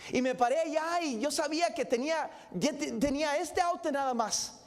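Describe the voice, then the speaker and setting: A man, a pastor telling a story in a sermon in an animated, dramatic way with exclamations. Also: extremely high pitch, normal speed. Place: church sanctuary.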